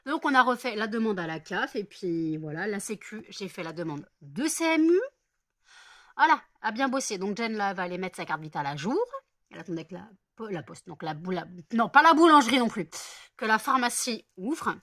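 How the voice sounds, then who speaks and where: A woman's voice: mid-range voice, big pitch swings, fairly quick, a bit bright, no echo, studio quality. A woman chatting casually in a home vlog, rambling with many fillers and self-corrections. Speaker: vlogger. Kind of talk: casual daily vlog chat.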